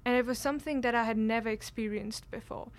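Speaking fast in a steady tone, this young Kashmiri woman, an exchange student in her late teens, tells a personal story with real earnestness. Her pitch is fairly high, and she keeps starting over.

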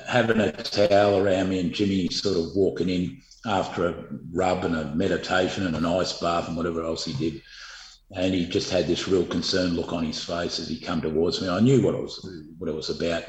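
A middle-aged Australian man, a former footballer, telling stories in an interview in a rambling, laid-back way with lots of fillers. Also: deep voice. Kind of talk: storytelling interview. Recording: echoey room.

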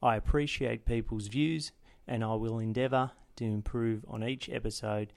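A man's voice: medium pitch, fairly even intonation, moderate pace, creaky, darkish tone. A man hosting a local football history podcast, reading a formal intro and then interviewing a guest.

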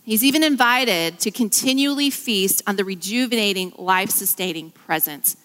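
A woman giving an enthusiastic Bible teaching, animated and emphatic, slowing down to read scripture. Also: mid-range voice. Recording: long reverb of a large hall.

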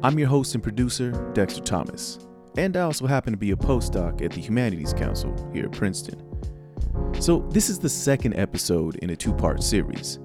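A man's voice: fairly low pitch, big pitch swings, a little fast, music in the background. A man hosting and narrating a podcast in a conversational, scripted way. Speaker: podcast host and producer.

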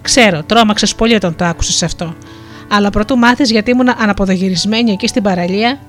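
A melodious, good-natured sea princess in the guise of a talking turtle, as a woman narrator puts her on. She teases gently and speaks with easy warmth. Faint music plays under the storybook reading. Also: medium pitch, close to an everyday voice. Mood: gentle. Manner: melodious, playful and kind.

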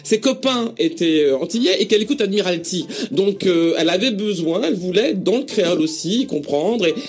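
A woman's voice: mid-range voice, lively intonation, fairly quick, a little mellow, husky. A woman with a Parisian accent, a guest talking hesitantly with frequent restarts in a radio interview. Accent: Parisian French. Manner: hesitant, with many restarts and fillers. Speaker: guest, founder of a collective.

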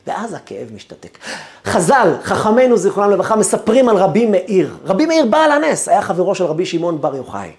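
A man giving a rabbi's lecture, emphatic and expressive, with rhetorical questions and storytelling. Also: high-pitched.

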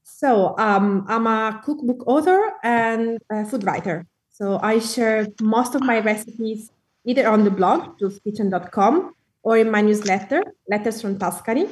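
A woman with an Italian accent talking as an interview guest, relaxed and friendly with easy laughs. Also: on the high side, unhurried, recorded from a distance. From Italy. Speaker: guest cookbook author. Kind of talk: casual interview chat.

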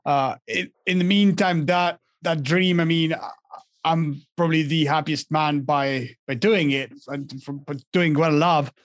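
Young Argentine-born man, halting speech. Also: on the high side, fairly even intonation, dry recording, lo-fi sound. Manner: halting, many restarts and fillers. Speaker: guest. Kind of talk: casual interview over a call.

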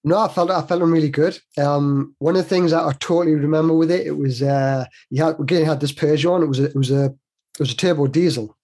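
A man's voice: fairly high pitch, steady tone, fast talker, mellow. A man in his forties, a guest chatting and telling stories in a rambling, easygoing way with many restarts. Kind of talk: casual conversational storytelling.

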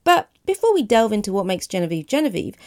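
A woman's voice: medium pitch, very animated, quick pace, darkish tone. A woman hosting a podcast, reading a friendly introduction and then asking her guest questions. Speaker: podcast host.

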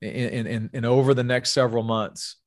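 A man's voice: medium pitch, steady tone, brisk, no echo, studio quality. A man in his forties, a sales executive, earnestly telling a personal story as a podcast guest and often repeating his words.

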